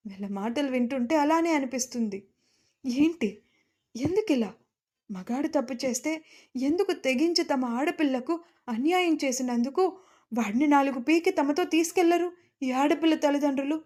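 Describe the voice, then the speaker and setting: A woman's voice: sits high, normal speed, pauses often, dark tone. A woman narrating a first-person audio story with emotion, turning to speak directly to her listeners.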